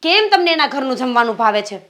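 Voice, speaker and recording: A woman plays a jealous wife pressing her husband with accusations and biting sarcasm. Her voice is high and bright. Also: very animated, fast, full character voice. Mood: accusing. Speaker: suspicious wife. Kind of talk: Gujarati short-film family drama acting.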